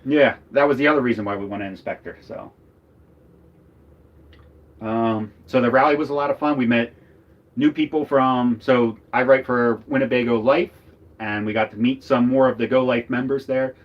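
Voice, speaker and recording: A man's voice: medium pitch, fairly even intonation, normal speed. A man with a Philadelphia accent talks in a loose, rambling way, tossing in jokes as he chats on a livestream. He sits inside an RV, and the audio comes through a little muffled. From Northeast Philadelphia. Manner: rambling, chatty, joking. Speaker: RV vlogger, co-host. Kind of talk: casual live chat.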